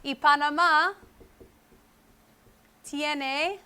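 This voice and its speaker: A woman teaches a Spanish lesson on a wireless mic. Her voice sits high and bright. She talks very slowly and repeats each key word with care. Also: fairly even intonation. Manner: slow, deliberate, repeats key words with English glosses. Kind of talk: comprehensible-input lesson. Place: at a whiteboard. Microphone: wireless microphone.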